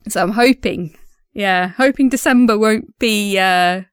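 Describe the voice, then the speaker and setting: A woman with a medium-pitched voice records a casual audio diary in dry, studio-quality sound. A podcast diarist and audio drama creator, she is chatty, a bit tentative, and self-effacing, giggling often as she talks.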